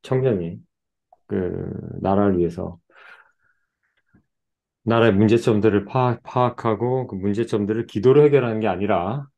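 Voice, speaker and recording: A man's voice: fairly low pitch, normal speed, vocal fry, long pauses, warm tone, dull audio. A man hosting a casual interview, nodding along with short replies and giving earnest commentary. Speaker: channel host, counselor.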